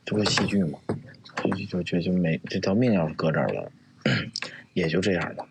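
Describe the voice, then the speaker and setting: A man, an actor guest, telling a personal story in a halting way, often repeating words. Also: sits low, vocal fry, very noisy.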